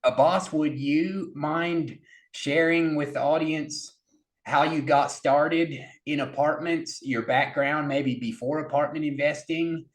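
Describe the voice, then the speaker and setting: A man hosting a podcast, opening the show and asking questions in a slow, halting way. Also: fairly high pitch, steady tone. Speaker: podcast host. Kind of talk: scripted show intro and questions. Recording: echoey room.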